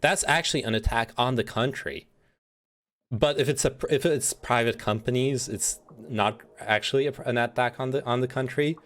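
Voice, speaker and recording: A man with a medium-pitched, fairly bright voice talks at a normal speed. He's livestreaming casually and swearing, rambling and often restarting his sentences while he reads quiz statements aloud and reacts to them.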